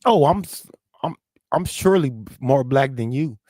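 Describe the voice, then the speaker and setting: Answering his chat in a heated rant, a livestream host from St. Louis, lisping and speaking with a local South Midwest accent, trades profane, combative shots with commenters. His mid-range voice is animated and a little mellow at a moderate pace, and the sound is clean studio audio without room sound.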